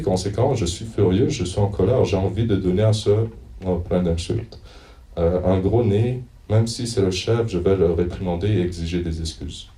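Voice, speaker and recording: A man preaching in an informal, hesitant way, pausing to look through his notes and read passages aloud. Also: low-pitched, warm tone. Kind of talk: informal church teaching. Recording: echoey room, mic at a distance.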